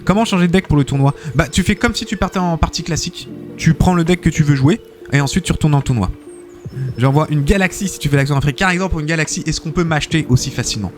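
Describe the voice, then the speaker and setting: A man's voice: on the high side, fast, faint music behind. A man hosting a live game stream, commentating matches and reading out chat, chatty and full of fillers, thanking viewers often.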